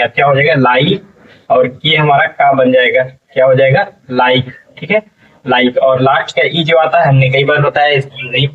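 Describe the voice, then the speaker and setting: A husky man teaching an English phonics lesson, breaking words into letters and sounds and asking what each word becomes. He sounds a little distant from the mic. The recording is dull and lo-fi. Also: mid-range voice. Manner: spells words slowly, repeating and asking "what will it be?".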